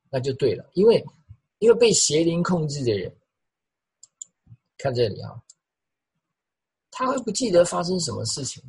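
A middle-aged man preaching with a deeply raspy, breathy voice. He is lively and demonstrative, repeats phrases for emphasis and acts out the sounds he talks about. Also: rough recording. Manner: animated, vocally imitates the sounds he describes. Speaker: pastor. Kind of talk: sermon.

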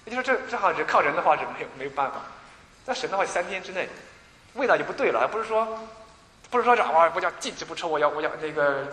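A man preaching a sermon, telling stories in an animated way, with many restarts and repeated words. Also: on the high side, racing, reverberant, big-room sound, rough recording. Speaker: pastor.

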